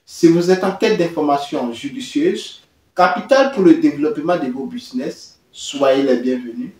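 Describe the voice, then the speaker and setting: A man from Côte d'Ivoire hosts his own channel, talking in a halting way with many drawn-out "euh" fillers. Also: a little high, a little mellow, reverberant, far from the mic. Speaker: host. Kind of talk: hesitant talking-head commentary.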